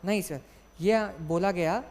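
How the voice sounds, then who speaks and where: A woman's voice: on the low side, unhurried, a little mellow. A woman teaching an online exam class, explaining step by step and asking and answering her own questions. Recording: long hall reverb.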